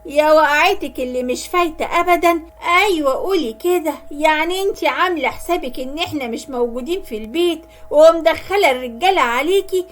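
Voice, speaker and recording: A woman with an Egyptian accent voicing a scheming, sharp-tongued sister-in-law. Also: high voice, fast talker, lightly acted. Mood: spiteful. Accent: Egyptian Arabic.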